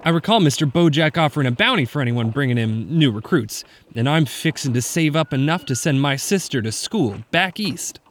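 A man's voice: a little high, expressive, fairly quick, few pauses, close to an everyday voice. A man voicing a nervous young ruffian in a red bandana who talks in a folksy western drawl in a comedy radio western. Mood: eager. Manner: folksy western drawl, stammering when anxious.

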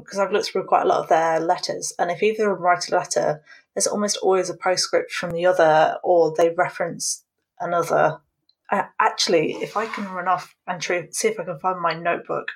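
A woman's voice: lowish voice, gravelly. A woman co-hosting a podcast, chatting casually and jumping around between anecdotes. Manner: digressive, rambling. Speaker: podcast co-host.

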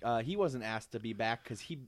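A man hosting a comedy podcast, telling absurd stories deadpan with lots of ums and uhs. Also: mid-range voice, normal speed, no room sound. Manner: deadpan, absurd jokes with many fillers. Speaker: podcast host. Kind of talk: casual comedic podcast chat.

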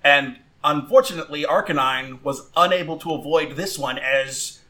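A man narrates a tabletop creature battle as game master, rambling through fillers and restarts. His voice is bright and sits a little high. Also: moderate pace.

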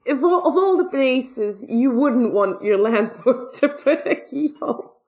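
Higher-voiced woman, slow and wry. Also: animated, darkish tone. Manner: wry, joking, sweary. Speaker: podcast co-host. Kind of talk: casual chat.

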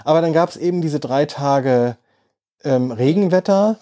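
Relaxed, dark-voiced man in his forties. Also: on the high side, a little slow. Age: 40s. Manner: rambling, lots of fillers and restarts. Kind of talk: casual chat, telling a holiday story.

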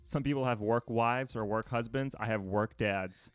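A man's voice: mid-range voice, normal speed, soft background music. A man hosting a casual podcast, joking and teasing his co-hosts on a studio microphone. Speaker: podcast host. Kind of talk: casual chat. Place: small office room.

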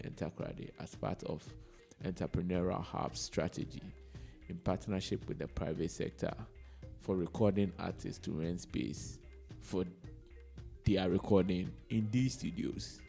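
A man's voice: deep voice, lively intonation, moderate pace, gravelly, mellow, faint music behind. A man with a Ghanaian accent hosting a casual podcast, chatting in an informal, slangy way and repeating words for emphasis. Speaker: podcast host. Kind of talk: casual unscripted podcast chat. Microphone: held microphone in a recorded session.

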